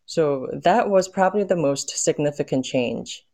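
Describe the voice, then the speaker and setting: Born in Korea, this tango musician has a low-sitting, mellow voice with lively intonation. Chatting casually in an interview, she comes across as thoughtful, frequently pausing, filling gaps, and restarting sentences.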